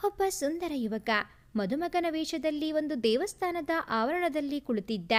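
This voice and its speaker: A woman narrating a family story in an expressive, lyrical way. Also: high-pitched.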